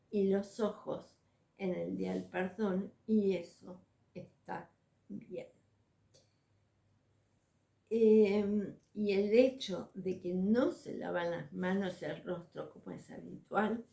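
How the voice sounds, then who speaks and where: A woman teaching a religious lesson as a spiritual coach, measured and deliberate, pausing often to find her words. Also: medium pitch, creaky, warm tone, echoey room.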